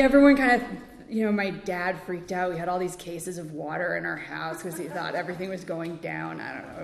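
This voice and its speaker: Woman, from Connecticut, recovery testimony, filler-heavy, halting, roomy echoing hall. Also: lowish voice, vocal fry. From Connecticut, USA. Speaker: speaker at a recovery meeting. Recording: echoey hall with long reverb.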